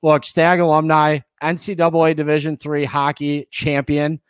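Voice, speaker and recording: A man's voice: a little high, completely flat delivery, moderate pace, smooth, no echo, studio quality. An American man hosting a casual sports podcast, emphatic and repeating phrases for effect. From United States. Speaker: podcast host.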